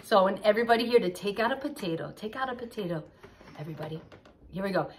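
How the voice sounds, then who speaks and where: A woman's voice: mid-range voice, animated, very fast, slight background noise. A woman hosting a children's music show, leading songs and games in a bubbly, sing-song way with lots of laughing.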